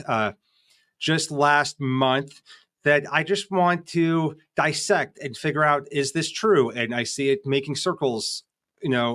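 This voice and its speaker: A man hosting a podcast in a casual monologue, getting over a cold, with a weak, whiny, nasal voice and a habit of talking loudly. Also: medium pitch, dry recording, clean studio sound. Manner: talks loudly. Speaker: podcast host.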